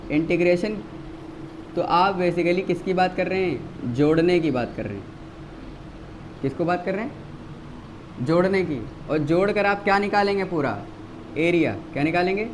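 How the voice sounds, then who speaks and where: A man with a high voice and an Indian accent teaches a maths class. He keeps quizzing his students and answers each question himself. Faint noise sits behind him. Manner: repeats key words for emphasis.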